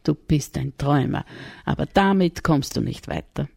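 A woman with an Austrian accent voicing a gruff, stubborn young shepherd girl who talks curtly and scolds. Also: deep voice, normal speed, warm tone, no echo, clean studio sound, heavily acted. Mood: scornful. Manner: curt, scolding, grumbling.

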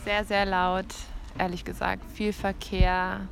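A woman's voice: mid-range voice, flat delivery, takes it slowly, gravelly, slight background noise. A woman at a festival gives a frank, resigned answer in a street interview. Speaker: festival visitor. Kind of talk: vox pop answer.

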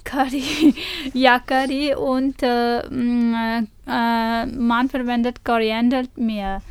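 A woman from Punjab speaking hesitant learner's German with many pauses and fillers, as a guest in a radio interview. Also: a little high, level tone, smooth, dry recording. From Punjab, India.

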